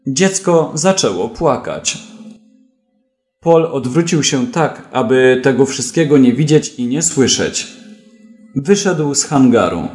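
A man reading a thriller audiobook in a measured, even way. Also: mid-range voice, roomy sound, soft background music. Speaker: narrator. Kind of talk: audiobook narration.

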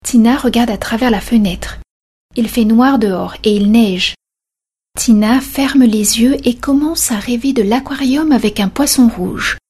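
A woman narrating a children's story in a slow, careful reading voice. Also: on the high side, darkish tone, husky.

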